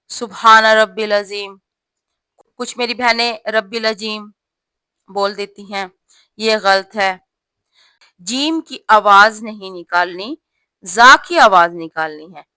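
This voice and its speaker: A woman teaching correct prayer pronunciation to her sisters, explaining each mistake and drawing out the right words slowly. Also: medium pitch, bright, forceful tone, no room sound. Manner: slow, drawn-out demonstration of correct pronunciation. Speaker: religious teacher. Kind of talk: instructional talk on prayer pronunciation.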